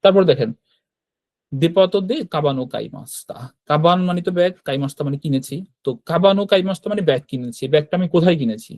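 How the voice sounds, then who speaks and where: A man's voice: fairly high pitch, rapid-fire, few pauses, darkish tone, no echo. A man teaching a Japanese grammar lesson, explaining step by step and often checking in with short tag questions. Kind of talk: classroom-style grammar lesson.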